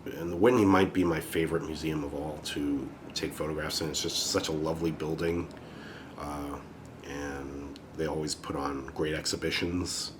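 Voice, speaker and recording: On his photography channel, a man who has a cold chats casually through a monthly photo recap, speaking in a very deep voice at a moderate pace. He's relaxed and rambling, often using fillers and starting over, and there's slight hiss or hum.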